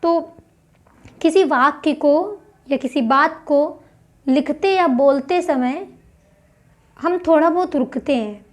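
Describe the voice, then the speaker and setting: A woman teaching a grammar lesson for exam prep. She explains step by step and asks questions that she then answers herself. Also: sits high.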